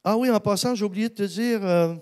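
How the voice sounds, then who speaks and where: A man voicing a chatty French woman who helps a pastor, in a put-on French accent, high and eager, with many fillers. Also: fairly quick, darkish tone, lightly acted.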